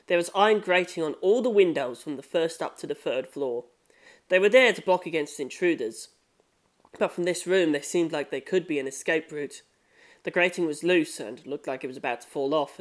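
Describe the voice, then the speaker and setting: Here a scripted tale is read aloud by an audiobook narrator at medium pitch. The telling is expressive and carefully paced.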